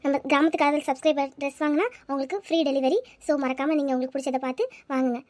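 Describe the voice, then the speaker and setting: A woman hosting a channel, giving a quick, upbeat promotional intro. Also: fairly even intonation, dry recording. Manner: upbeat, quick sales pitch. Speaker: channel host.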